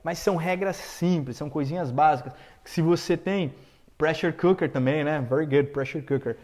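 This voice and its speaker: A man with a Brazilian Portuguese accent teaching English on a live stream, quizzing viewers and repeating example sentences slowly. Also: a little high, a little mellow. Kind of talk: live-streamed language lesson. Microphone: camera setup for a live stream.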